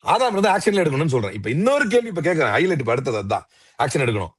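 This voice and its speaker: A political commentator, interviewed as a guest, races through a heated argument with combative mockery and rapid rhetorical questions. His voice is fairly high, husky and sing-song. There's no room sound.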